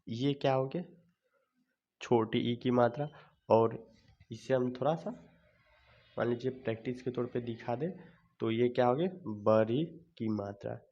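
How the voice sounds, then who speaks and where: A man's voice: medium pitch, dark tone, dull audio. A man teaching a children's lesson on vowel signs, patiently spelling out each letter and repeating the words.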